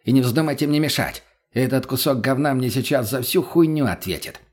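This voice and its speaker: A man's voice: medium pitch, fairly quick, darkish tone, lightly acted. Man playing a crude, menacing junkie, snarling and foul-mouthed, storybook villain. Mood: mocking. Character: crude, hot-headed male junkie, menacing.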